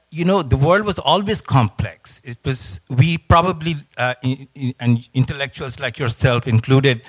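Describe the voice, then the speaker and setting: Man from Bangladesh, audience question, hesitant, mid pitch, dry. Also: dry recording. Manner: hesitant, many fillers. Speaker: audience member asking a question.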